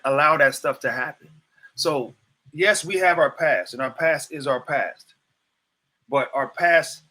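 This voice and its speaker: A man's voice: medium pitch, pushed and bright. A man in his fifties hosting a livestreamed motivational talk, preaching to viewers, repeating phrases and asking them questions directly. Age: 50s. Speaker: host.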